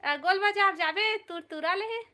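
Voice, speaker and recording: A woman's voice: very high voice, moderate pace. A woman from Bilaspur in Chhattisgarh with a Chhattisgarhi accent, chatting casually with viewers on a live stream and teasing them as she answers their comments one by one. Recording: loud background noise.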